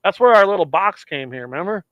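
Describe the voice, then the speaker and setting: A man's voice: high-pitched, lively intonation, fast talker, a bit bright, no echo, highs cut off. A man co-hosting a podcast in casual chat, rambling and chuckling often. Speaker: podcast co-host.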